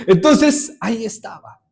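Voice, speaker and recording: A man preaching a sermon, retelling a parable with lively humor and rhetorical questions. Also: very high-pitched, gravelly. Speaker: pastor.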